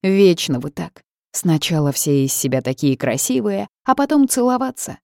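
A woman's voice: on the low side, lively intonation, normal speed, mellow, no echo, studio quality. A woman voicing a hot-tempered young witch who snaps in exasperated, fiery outbursts.

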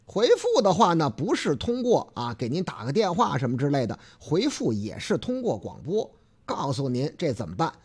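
A male radio host with a thick Beijing accent chats with listeners in a loose, folksy way, trailing off into drawn-out filler particles. His voice is animated, swinging up and down in pitch. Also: slightly rough. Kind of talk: casual radio talk show chat.

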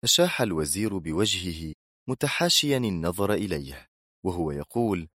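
A man's voice: deep voice, normal speed, no echo, studio quality. A man reading a thriller aloud in scripted, dramatic narration. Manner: dramatic, expressive storytelling.

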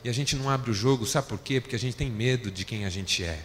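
A man preaching a sermon as a pastor, telling stories and acting out arguments with a rising, animated voice. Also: medium pitch, quick pace, slight background noise. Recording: long hall reverb, faint ambience.

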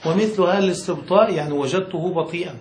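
A high-voiced man, speaking at a quick pace, teaches a student from a classic Arabic grammar book. After reading passages aloud he explains them, often checking comprehension with questions. Faint noise and room echo are audible.

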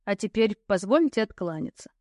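A woman voicing a haughty, curt male ghost knight who gives slow, growled commands. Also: mid-range voice, lively intonation, darkish tone, no room sound, studio quality, natural voice. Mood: dignified.

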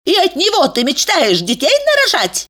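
A woman's voice: huge pitch swings, normal speed, fairly bright tone, exaggerated voice. A woman voicing a bossy, scheming young woman who scolds and shrieks at her friend. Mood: scolding, shrill. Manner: shrill, scolding, sarcastic.

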